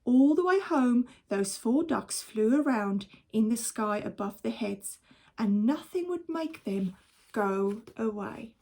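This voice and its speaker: A woman with a slightly high voice reads a children's story to listeners in a teacherly way, measured and expressive as she tells it.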